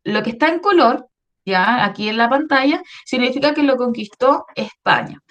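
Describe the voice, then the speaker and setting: A woman's voice: a little high, animated, moderate pace, a bit bright, highs cut off. A woman with a Chilean accent, a history teacher explaining a lesson to schoolchildren in an online class, often checking they follow. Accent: Chilean Spanish. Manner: patient, explaining with many checks like "¿ya?".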